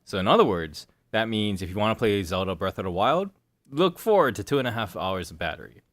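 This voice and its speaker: A young man talks games with friends, his pitch jumping up and down as he rants. He swears freely and laughs a lot. The sound is close and dry, with no room around him. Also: fairly quick, no room sound. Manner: animated, swearing, laughing often. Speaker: podcast co-host. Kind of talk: casual gaming chat.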